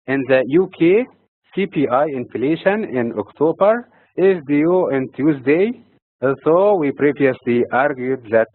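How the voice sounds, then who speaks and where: A medium-pitched Egyptian man works through a scripted rundown of economic and market news, reading steadily from his notes. The recording is dry, with a tinny, telephone-like quality.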